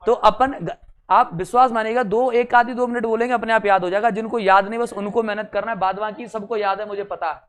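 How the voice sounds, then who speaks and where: A man's voice: sits high, steady tone, fairly quick, a bit bright. A male teacher giving an exam-prep grammar lesson, drilling syllables in chanted rows, joking along the way and repeating "theek hai" often.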